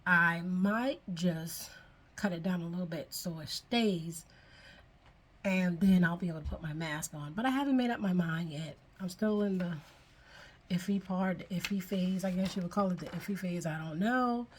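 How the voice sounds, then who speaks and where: A woman's voice: fairly low pitch, moderate pace, a little hiss or hum. Chatty older woman vlogging to camera. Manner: chatty and earnest, retells her own past thoughts aloud. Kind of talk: casual talking-to-camera vlog.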